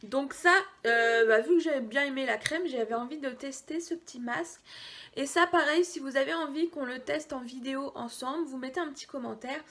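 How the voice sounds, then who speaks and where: A woman chatting casually through a makeup haul video, hesitant, often dropping into quiet asides. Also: sits high, brisk. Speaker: beauty vlogger.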